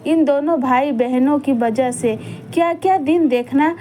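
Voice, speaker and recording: A woman's voice: high-pitched, measured pace, warm tone, slight background noise. A woman voicing a harsh, cruel village stepmother who scolds and sneers at her stepchildren. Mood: scolding.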